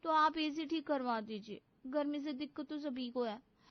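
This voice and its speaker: A woman voicing an offended young wife in an animated story, who talks in a complaining, resentful way. The sound is dry and lo-fi. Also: high-pitched, normal speed, no room sound, close to an everyday voice.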